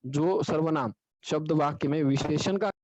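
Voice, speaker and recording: A man with a slightly high voice teaches grammar in an online class. He explains step by step and asks questions only to answer them himself. The audio is dull and lo-fi, with a dry, close sound. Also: moderate pace, darkish tone, no echo.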